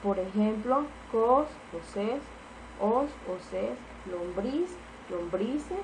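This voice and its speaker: A woman teacher walks through spelling rules with example words in a patient, explanatory way. Her voice sits at a middle pitch. A faint hum of background noise sits under her. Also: lively intonation, extremely slow, rough recording. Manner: patient, explanatory, repeats key points with "entonces".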